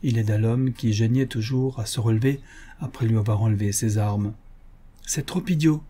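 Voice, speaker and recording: A man reading an adventure novel aloud as an audiobook, in measured, even narration. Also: lowish voice, slightly rough. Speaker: audiobook reader. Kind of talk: scripted narration.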